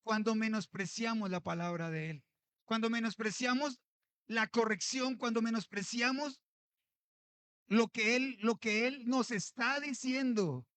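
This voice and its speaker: A man's voice: very high-pitched, measured pace, a bit bright, clean tone, no echo. A man preaching a sermon as a pastor, acting out pleading prayers and asking the congregation rhetorical questions.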